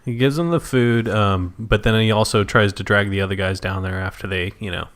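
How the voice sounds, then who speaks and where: Low-voiced man, laid-back recap. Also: fairly even intonation, fairly quick, a bit bright. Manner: laid-back, recaps scenes with lots of fillers. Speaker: podcast co-host. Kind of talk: casual movie chat.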